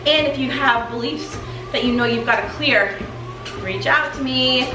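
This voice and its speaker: A woman with a fairly high voice gives a motivational, conversational coaching talk while walking in place for exercise. She is in a very echoey room, with music clearly playing underneath. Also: moderate pace. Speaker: weight loss coach and host. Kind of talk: motivational chat to followers.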